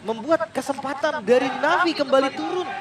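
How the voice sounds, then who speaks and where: A man's voice: extremely high pitch, moderate pace, a loud crowd. A man with an Indonesian accent giving conversational match analysis as an esports co-commentator. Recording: echoey, distant, noisy background.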